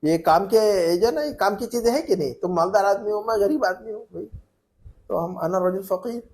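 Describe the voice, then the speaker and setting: A man's voice: high voice, lively intonation, brisk, darkish tone. A male Arabic teacher running a spoken drill, patiently repeating phrases and prompting students by name. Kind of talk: classroom language drill.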